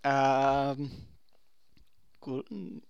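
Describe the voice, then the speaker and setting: A man's voice: medium pitch, very slow, creaky, smooth, dull audio. Rambling man running a tabletop game. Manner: rambling, self-correcting. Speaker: game master. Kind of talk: casual tabletop game chat.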